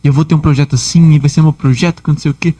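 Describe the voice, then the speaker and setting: A Brazilian man co-hosting a podcast chats quickly in a relaxed, slangy way. His voice sits a little high for a man. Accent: Brazilian Portuguese. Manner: chatty, slangy storytelling. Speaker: podcast co-host. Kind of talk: casual chat.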